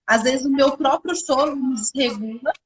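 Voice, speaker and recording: High-voiced Brazilian woman psychologist. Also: moderate pace, slight background noise. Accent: Brazilian Portuguese. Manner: animated, explains with examples. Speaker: psychologist, host. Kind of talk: casual conversation, explaining.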